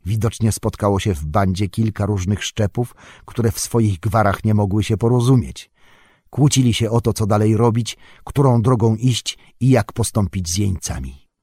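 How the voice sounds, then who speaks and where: A man reading a story aloud as an audiobook narrator, with expressive, measured storytelling. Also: lowish voice, slightly rough, no echo, studio quality. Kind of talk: scripted narration.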